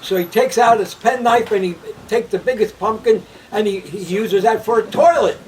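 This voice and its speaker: A man's voice: sits high, normal speed, darkish tone, recorded from a distance, slight background noise, rough recording. A man telling jokes casually at a family gathering and laughing at his own punchlines.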